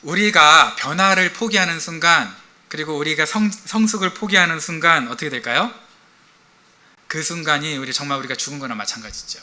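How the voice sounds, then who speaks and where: A middle-aged man preaches in a lively, conversational way, joking with the congregation and asking them questions. His voice is very bright and forceful and sits a little high for a man. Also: brisk. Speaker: pastor. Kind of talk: sermon.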